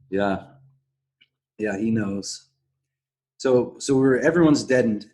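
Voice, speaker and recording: A man hosting a casual podcast discussion, speaking in a halting way and often backtracking on his words. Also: medium pitch, warm tone. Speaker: podcast host.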